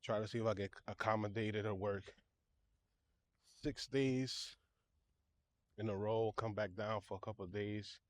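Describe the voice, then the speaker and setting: A man's voice: on the low side, fairly even intonation, a little slow, long pauses. A young man, talking casually and a little out of breath while walking through a park, repeating and correcting himself as he goes. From New York City. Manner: chatty, self-correcting, repeats phrases. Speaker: vlogger, registered nurse. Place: outdoor park.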